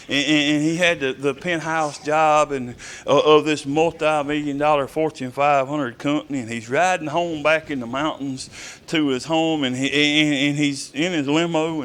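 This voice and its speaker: A man preaching a sermon in a church, telling folksy stories and often repeating words as he goes. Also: a little high. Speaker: pastor.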